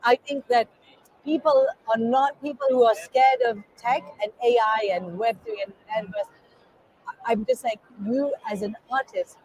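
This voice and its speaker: A woman's voice: fairly high pitch, normal speed, low-quality recording. A middle-aged woman from Kenya, talking enthusiastically as an interview guest at an indoor expo booth. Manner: animated, enthusiastic, gesturing while talking. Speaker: guest artist. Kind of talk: casual interview.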